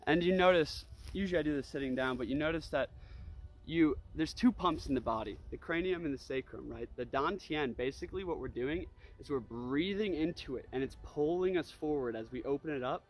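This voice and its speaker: A man's voice: on the high side, a little fast. Casual male breathwork instructor with loose phrasing. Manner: easygoing, loose phrasing peppered with "you know", "like" and "right?"; guiding with repeated imperative cues. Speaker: breathwork and energy practice instructor. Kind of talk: casual spoken instructional demonstration.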